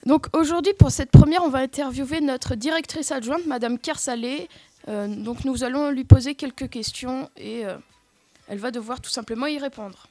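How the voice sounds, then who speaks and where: A woman's voice: high-pitched, normal speed, dark tone, no echo, soft background music. A young student hosting a school web radio show, reading her introduction and questions from notes in a stiff, hesitant way. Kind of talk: scripted school radio interview.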